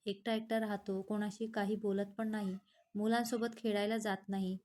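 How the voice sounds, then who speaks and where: A woman's voice: medium pitch, flat delivery, moderate pace, darkish tone, natural voice. A woman voicing a chatty young man who teases his friend, in a read-aloud storybook. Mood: earnest. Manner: teasing, chatty. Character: young man, lovestruck, pushy, joking friend.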